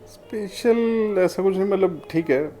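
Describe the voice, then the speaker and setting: A man's voice: high-pitched, unhurried, dark tone, a little hiss or hum. A man guest in a casual interview, giving short, reserved answers.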